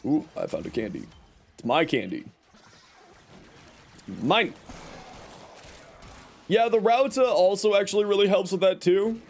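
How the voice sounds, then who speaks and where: A young man streams a game in a high, animated voice with a darkish tone, speaking at a measured pace and pausing often. Scratchy from a cold, he rambles as he reads and answers viewers' chat, using many fillers.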